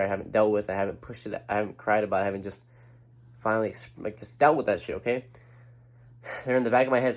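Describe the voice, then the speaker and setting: A man's voice: fairly low pitch, darkish tone. A young man talking to camera about his own feelings, earnest and rambling, with restarts and casual swearing. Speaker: vlogger. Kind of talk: personal talk to camera.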